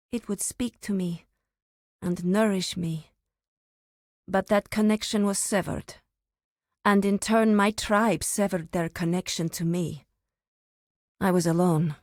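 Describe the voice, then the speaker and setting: A woman voices a druid of an ancient tribe in a fantasy video game, sounding reverent, solemn, wistful and earnest as she speaks formally with deliberate pauses. Her voice is mid-range and a little mellow, recorded with clean studio sound and no echo.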